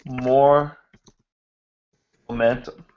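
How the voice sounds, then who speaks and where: A finance instructor, a man with a mid-range voice and level tone, teaches a class over an online hangout, slowly thinking aloud while formatting spreadsheet cells in a screen-share lecture. He is losing his voice and keeps clearing his throat. The computer mic on the video call makes the recording muffled.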